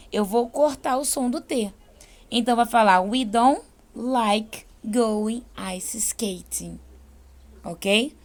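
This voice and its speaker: A young adult woman with a Brazilian accent teaching an English class, explaining patiently and slowing down for example sentences. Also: on the high side. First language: Portuguese. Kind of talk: online class lesson.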